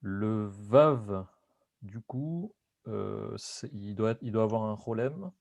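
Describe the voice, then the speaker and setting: A man's voice: fairly low pitch, slow pace, gravelly, darkish tone, dry recording. A man answering in a language class, tentative and unsure of himself. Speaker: student.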